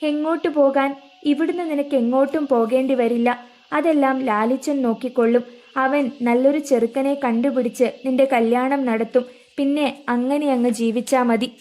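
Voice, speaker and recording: ഒരു വൃദ്ധനായ വല്യപ്പച്ചനായി സൗമ്യമായി സംസാരിക്കുന്ന ഒരു സ്ത്രീ, കഥ വായിക്കുന്നത്. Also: female voice, sits high, steady tone, moderate pace, close to an everyday voice. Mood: tender. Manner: gentle, coaxing. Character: older man, grieving elderly grandfather figure.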